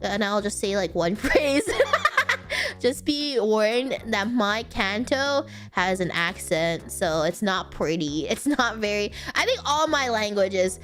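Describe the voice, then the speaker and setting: A woman's voice: mid-range voice, lively intonation, slow, faint music behind. A young woman streaming, chatting casually with lots of fillers, giggles and restarts.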